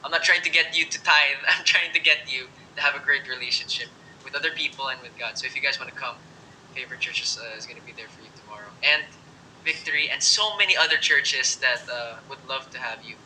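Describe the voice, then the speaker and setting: Earnest young man, bright voice. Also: medium pitch, brisk, slight background noise, rough recording. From Germany. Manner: earnest, hesitant with fillers, mixes Filipino phrases. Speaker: guest. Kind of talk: casual interview chat.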